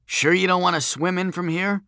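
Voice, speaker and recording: A man's voice: high-pitched, fairly even intonation, moderate pace, vocal fry, bright, forceful tone, smooth, no room sound, clean studio sound, voice pushed up, exaggerated voice. A man voicing a wary, blunt male fisherman disciple.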